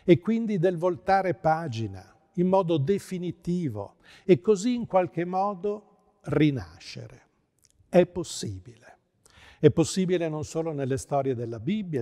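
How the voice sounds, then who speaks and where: Middle-aged Italian male pastor, measured sermon delivery, warm low tone, long church reverb. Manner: slow, measured preaching with emphatic stresses. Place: church with pipe organ behind.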